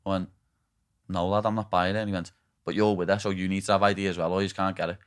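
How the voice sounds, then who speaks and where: A man's voice: sits low, flat delivery, fast, no room sound, studio quality. A young man, chatting casually and bantering as a podcast co-host. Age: 20s. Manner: laddish banter, says "lad" a lot. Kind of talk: casual chat.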